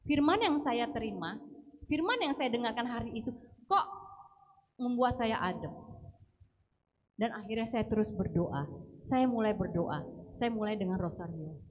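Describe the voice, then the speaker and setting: A woman telling a personal faith testimony, earnest and storytelling, moving between soft and lively passages. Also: a little high, moderate pace, pauses often, noisy background. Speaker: testimony speaker at prayer meeting.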